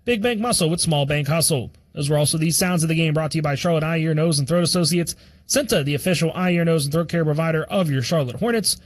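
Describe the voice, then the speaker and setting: A man hosting a radio post-game show, giving the final score and highlights in a brisk announcer read with sponsor plugs. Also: dry recording. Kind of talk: scripted sports radio recap. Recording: music bed under the voice.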